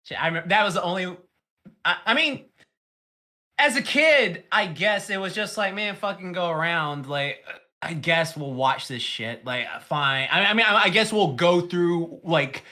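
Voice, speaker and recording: An excitable man co-hosting a podcast, talking in a high voice and swearing freely. His tone is bright and sharp as he jumps into casual chat. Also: normal speed. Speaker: podcast co-host.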